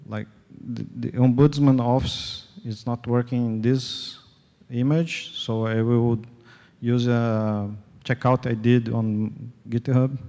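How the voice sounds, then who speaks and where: Young Brazilian man, Portuguese accent, giving a tech conference talk: slow and mellow, stop-start delivery, long hall reverb. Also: medium pitch, level tone. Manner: halting, many fillers and restarts. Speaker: conference speaker.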